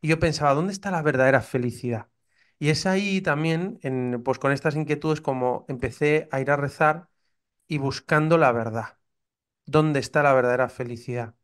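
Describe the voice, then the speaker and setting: A priest from Spain in his thirties, speaking at normal speed in a fairly high voice with a Castilian accent, tells his faith story on a podcast. It's a conversational personal testimony full of earnest fervor, in which he acts out the doubts he used to have.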